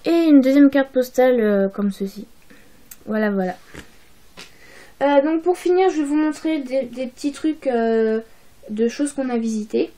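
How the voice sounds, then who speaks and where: A young woman talks through her souvenirs in a casual home haul video. She hesitates often, filling gaps and restarting phrases. Her voice sits a little high yet sounds soft and mellow. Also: unhurried, long pauses. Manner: hesitant, many fillers and restarts. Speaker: vlogger.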